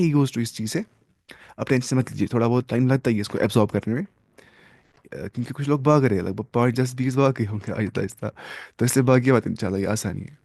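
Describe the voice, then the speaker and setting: A man's voice: medium pitch, a little mellow, no echo. Man teaching grammar, dry close sound. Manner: asks rhetorical questions and answers them himself; mixes English terms into explanations. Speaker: Arabic teacher. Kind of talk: classroom grammar lesson.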